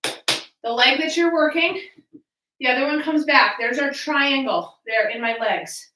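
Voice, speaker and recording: A woman's voice: high-pitched, unhurried, sharp tone. A woman fitness coach leading a workout, giving encouraging cues, instructions and countdowns. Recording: roomy echo, distant from mic.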